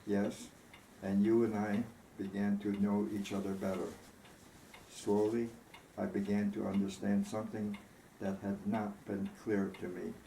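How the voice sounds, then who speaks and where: A man's voice: on the low side, flat delivery, unhurried, vocal fry, dark tone. A man reading the part of a tender, grieving woman who recalls her lost love, earnest and reflective, in a storybook reading. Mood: tender, wistful. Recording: roomy echo, faint background noise.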